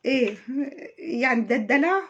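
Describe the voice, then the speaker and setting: امرأة بلهجة مصرية تعلّق بسخرية وتوبّخ بحدّة في فيديو تعليق. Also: female voice, a little high, lively intonation, fairly quick, highs cut off, slight background noise. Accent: Egyptian. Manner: mocking, scolding, indignant. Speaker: YouTube commentator. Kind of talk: sarcastic reaction commentary.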